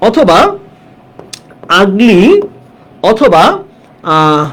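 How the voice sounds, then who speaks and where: Teaching English grammar for exam prep, a woman with a mid-range voice and lively intonation constantly checks the class's understanding with questions. She slows down to repeat key words for emphasis.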